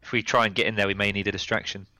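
A man's voice: on the low side, flat delivery, rapid-fire, bright, forceful tone, dry recording, rough recording. A man, playing in a tabletop game, chatty and thinking aloud as he plans. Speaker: player. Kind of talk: casual tabletop game chat.

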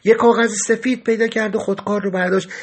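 Male memoir narrator, first person, earnest and grave, husky tone. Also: sits high, fairly even intonation. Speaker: podcast narrator.

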